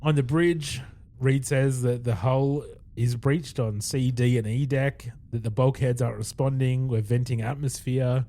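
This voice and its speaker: A man's voice: medium pitch, fairly even intonation, measured pace, warm tone. A man with an Australian accent co-hosting a podcast, casually recapping an episode in a rambling way with fillers and chuckles. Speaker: podcast co-host.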